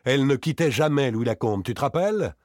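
A man voicing a self-assured gentleman burglar in an audiobook, teasing and smoothly mocking. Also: mid-range voice, expressive, a little fast, dry recording, clean studio sound, voice pushed up, lightly acted. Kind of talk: audiobook character reading.

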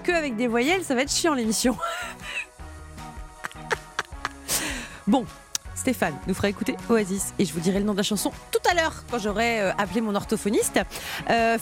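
A woman presenting a music show on live radio in a casual, informal, self-mocking way, close on a studio mic. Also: on the high side. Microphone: close studio broadcast mic.

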